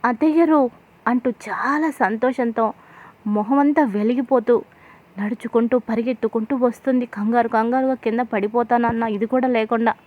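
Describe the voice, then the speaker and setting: Woman storyteller recapping a drama, fairly high pitch, tinny phone-like sound. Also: normal speed. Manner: lively, reads character lines in turn. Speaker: channel host recapping a TV serial.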